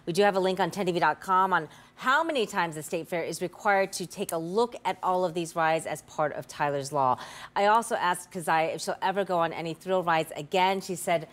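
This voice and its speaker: A woman reporting a news story, then chatting with anchors in a TV studio, with a steady, earnest delivery. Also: on the low side, fairly quick.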